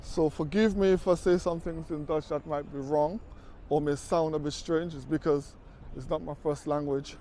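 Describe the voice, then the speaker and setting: Strolling through city streets and a market, a travel vlogger chats casually in a warm, slightly high voice, keeping a fairly even intonation at a moderate pace. He's conversational and leans on "you know," with a little hiss or hum in the recording.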